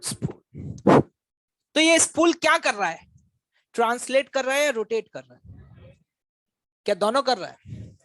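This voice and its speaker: A male physics teacher giving a classroom lecture, constantly quizzing his students with quick questions and teasing them to check they follow. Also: very high voice, big pitch swings, a bit bright, no room sound. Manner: coaxing, teasing.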